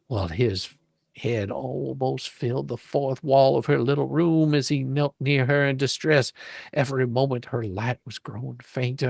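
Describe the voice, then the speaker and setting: In a dry, clean studio recording, a storyteller with a medium-pitched, fry-tinged voice performs a storybook reading. He is theatrical and dramatic, throwing in playful, folksy embellishments that break grammar.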